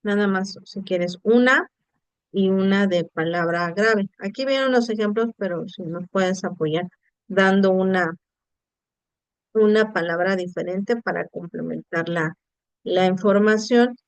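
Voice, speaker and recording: A woman gives an online lesson, her voice smooth and resonant. She explains patiently and keeps checking with her students, in a dry close sound with no room echo. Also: medium pitch, measured pace. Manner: explanatory, addresses students directly with rhetorical checks. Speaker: teacher. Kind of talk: online class lecture. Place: online video session.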